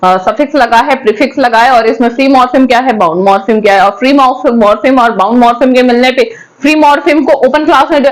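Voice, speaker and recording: A woman's voice: high voice, low-quality recording. A woman with a Hindi accent teaching an English grammar class, asking questions and answering them herself. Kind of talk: online class lesson.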